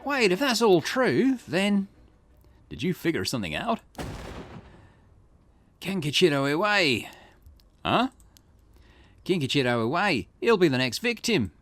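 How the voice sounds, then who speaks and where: This gaming channel host has a voice on the high side with a fairly bright tone, recorded with no echo. He reads out a detective game's dialogue in a let's play, moving between characters over the game's music.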